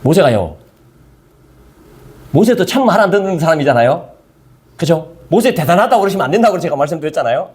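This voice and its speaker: A male pastor delivers a conversational sermon and keeps asking the listeners questions. His voice sits high for a man. His pitch jumps around with lots of movement. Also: brisk, long pauses. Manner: conversational, animated, asks the congregation questions.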